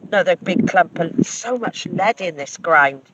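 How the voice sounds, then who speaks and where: A man's voice: sits high, animated, measured pace. An English man who detects metal, having a casual chat outdoors in a field. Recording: dull, noisy outdoor recording.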